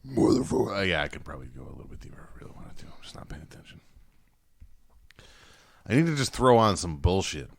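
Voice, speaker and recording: A man's voice: low-pitched, sing-song, fast, creaky, long pauses. A man co-hosting a music podcast in casual, profanity-laced chat. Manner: profane, loose and rambling. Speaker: podcast co-host.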